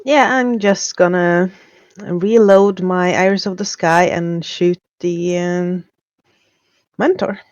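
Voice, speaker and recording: A woman playing in an online tabletop game, calmly stating her character's actions. Her voice is fairly low, the sound is dry and close, and the mic is dull and lo-fi. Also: slow pace, no echo. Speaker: player.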